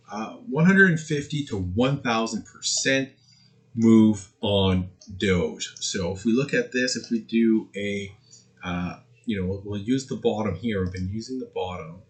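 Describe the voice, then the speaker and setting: Man, low voice, crypto-bro trader, casual chart commentary, hype mixed with hedging. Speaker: host of a crypto trading channel.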